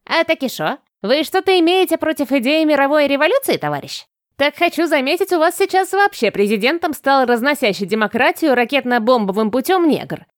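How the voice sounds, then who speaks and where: A woman's voice: high voice, very animated, fairly quick, no room sound, studio quality, pitched above the performer's own voice. A woman voicing a cocky male goblin trickster who talks in a mocking, boastful way.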